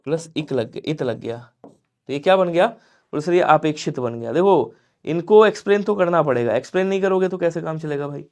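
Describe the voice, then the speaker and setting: A man with a fairly high voice teaches an exam-prep Hindi lesson. He chants example sentences and answers for his students in an animated way, checking in with quick tag questions as he goes. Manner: talks to viewers directly with tag questions.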